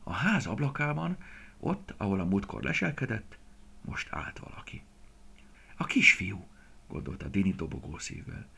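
A man's voice: lowish voice, wildly swooping pitch, creaky, a bit bright, breathy edge. A man narrating a children's story expressively, often dropping to a whisper.

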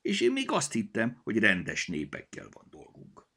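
Man voicing a grumbling vain cat, gravelly, storybook. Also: fairly low pitch, huge pitch swings, sharp tone, heavily acted.

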